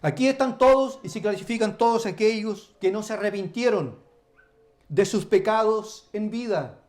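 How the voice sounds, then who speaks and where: A man's voice: sits high, moderate pace, darkish tone. A man, a pastor preaching a sermon with emphatic, repeated lists of phrases.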